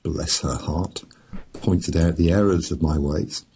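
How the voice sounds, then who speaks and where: A middle-aged man, an author, chatting casually in a slow, rambling, storytelling way with a chuckle here and there. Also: warm tone, rough recording. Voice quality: very deep gravelly voice. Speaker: author and podcast guest. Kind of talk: casual chat.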